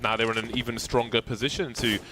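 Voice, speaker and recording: A man giving live play-by-play commentary on a match, with dry, deadpan banter between excited calls. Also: medium pitch, quick pace. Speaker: esports commentator. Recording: light background noise with game gunfire.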